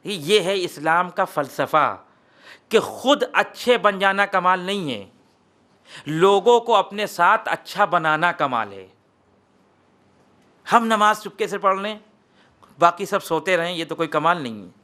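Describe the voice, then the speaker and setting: A man with an Indian Urdu accent delivering a religious lecture in a hall, rhetorical, climbing to emphatic peaks and then dropping low. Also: expressive, long pauses, sharp tone. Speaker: Shia cleric giving a majlis lecture.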